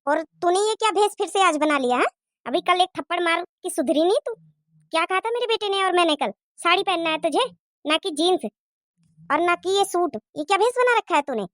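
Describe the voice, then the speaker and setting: Bossy cartoon mother-in-law , played by a woman, nagging and taunting. Lower than the performer's own high voice, dry recording. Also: lively intonation, a little fast, fairly bright tone, dry recording. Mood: scolding.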